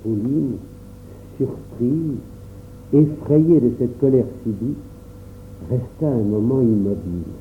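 A man narrating a storybook in a calm, measured first-person reading. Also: mid-range voice. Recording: tinny phone-like sound, faint noise.

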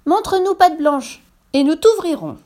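A woman voicing small goat kids in a children's tale with a high childlike voice. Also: big pitch swings, measured pace, mellow. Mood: pleading.

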